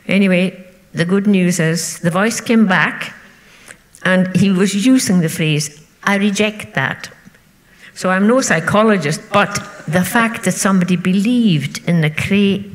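A woman on a festival panel, telling a story with lively delivery and acting out the voices of its people. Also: on the low side, a little slow. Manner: lively storyteller who acts out the voices in her anecdotes. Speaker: panel speaker, folklorist. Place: public hall. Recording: hall reverb from a live talk.

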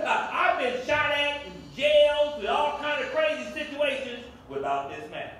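A man's voice: very high voice, lively intonation, unhurried, a bit bright, a little hiss or hum. A man in his fifties preaching a sermon as pastor, emphatic and repetitive, heard from a distance in an echoey room. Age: 50s.

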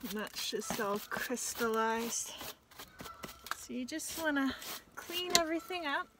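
A young beekeeping vlogger in her twenties talks in a high, animated voice over a very noisy background while working a hive in her backyard. She explains things casually and unhurriedly, chatting as she goes and gasping with dismay at discoveries. The outdoor recording comes from a camera on a nearby stand, later handheld, with music beneath.

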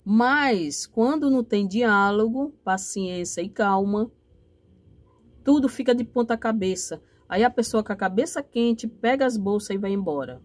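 A Brazilian woman reads tarot cards straight to her viewers. Her talk is warm-hearted and repetitive, full of pet names and little checks for agreement. She gives motherly advice and ends with blessings. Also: mid-range voice, lively intonation, measured pace. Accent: Brazilian Portuguese. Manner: affectionate, repetitive, ends phrases with "tá?". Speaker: tarot card reader. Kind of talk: direct-to-camera tarot reading.

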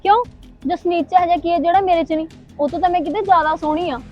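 Woman in amateur drama: very high voice, quick delivery, pleading and accusing, faint music behind. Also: muffled recording. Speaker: actress in a short Punjabi drama. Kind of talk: amateur short-film acting.

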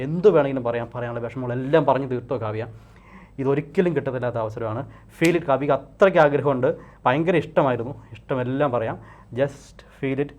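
A man working as a hypnotist, guiding a session with repeated soothing commands and slow counting. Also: mid-range voice, a little mellow.

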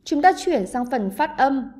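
A woman with a Vietnamese accent, teaching an online English lesson to pupils and explaining slowly and carefully. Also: high-pitched, animated, a little mellow.

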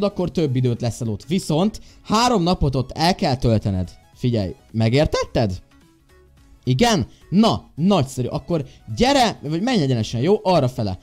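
A young Hungarian man narrates his Minecraft game for viewers, barking bossy orders in a voice that sits fairly high. His pitch swings widely as he talks. Faint music plays underneath. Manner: loud bossy shouting at a game character, then chatting to viewers. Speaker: gaming youtuber. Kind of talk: Minecraft role-play let's play. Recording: light music behind.

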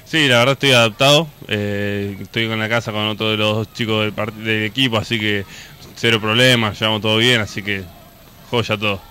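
A man's voice: fairly low pitch, steady tone, brisk, sharp tone. A young man with an Argentine accent, a basketball player giving plain, modest answers in an interview. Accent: Argentine Spanish.

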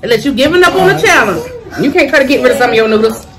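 A woman's voice: high-pitched, animated, racing. A woman hosting an eating challenge in casual chat, playfully teasing while her mouth burns from spicy food. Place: indoor room with brick wall, at a table. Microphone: shared microphone on the table.

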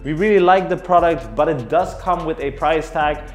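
Reviewing home gym gear in depth, this fitness reviewer in his twenties explains things at a moderate pace in a fairly high voice. The recording comes from a camera mic at mid distance indoors, with room echo and faint music.

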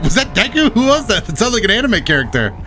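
A man doing casual, joking live commentary on a video game, excitable and sweary. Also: sits high, fast talker, soft background music. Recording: faint game noise behind. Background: horror game audio.

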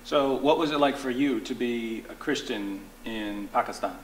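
A man in his thirties hosting an interview, asking plain, direct questions and quick follow-ups. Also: medium pitch, slight background noise. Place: small studio room with green wall.

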